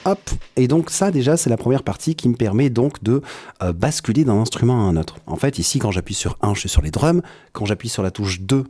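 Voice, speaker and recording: A man with a French accent giving a relaxed, hesitant live-stream tutorial on his music setup from his home studio. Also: medium pitch, brisk. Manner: explanatory, with frequent hesitations and "hop" interjections.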